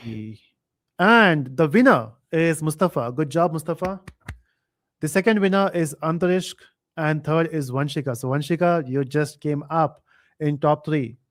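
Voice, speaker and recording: A man hosting a live online quiz, reading chat comments aloud and thinking out loud with fillers. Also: on the high side, moderate pace, faint music behind. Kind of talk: casual live stream chat.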